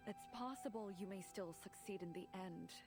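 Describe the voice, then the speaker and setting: Woman voicing a stern old-school kung fu master lady in a game, calm teacher voice, music behind. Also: medium pitch, moderate pace, natural voice. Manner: calm, instructive. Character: stern, wise female martial arts master. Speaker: grand master.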